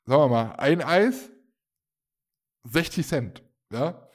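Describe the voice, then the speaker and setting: A man's voice: fairly high pitch, expressive, slow pace. Chatty man telling a rambling anecdote. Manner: rambling anecdote with acted-out quotes, frequent fillers. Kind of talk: casual storytelling chat.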